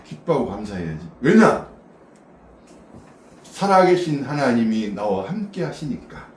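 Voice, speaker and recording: A pastor with a medium-pitched, very animated voice speaks at a measured pace to a small congregation. His informal sermon is full of chat, questions for the audience and frequent laughter. The small church room echoes on a distant mic, with faint background noise.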